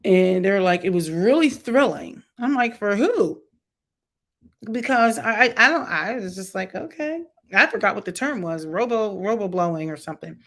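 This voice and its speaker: Reviewing a TV show on her vlog, this middle-aged woman talks at a normal speed in a medium-pitched, expressive, slightly bright voice. Her commentary is casual and candid, delivered bluntly and chattily with mocking asides.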